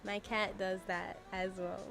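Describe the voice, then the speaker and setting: A woman's voice: mid-range voice, flat delivery, unhurried, gravelly, over loud music. A young woman streaming a game from her room, chatting on a desk microphone in a chatty, exasperated way, full of "like" fillers. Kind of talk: casual livestream chat. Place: room at home.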